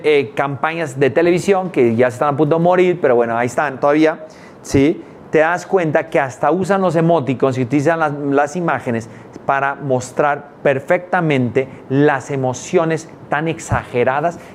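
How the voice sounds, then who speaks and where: Man, course instructor, fairly high voice, emphatic, repeats words, frequent check-in tag questions, faint background hiss. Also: a little mellow. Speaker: business culture instructor. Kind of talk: explanatory talk to students.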